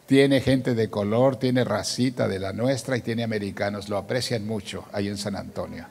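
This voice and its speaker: An older male pastor gives a testimony sermon in a gravelly voice. He tells the story with lively acted-out dialogue and climbs from hushed asides to loud, emotional high points. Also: moderate pace, big-room sound.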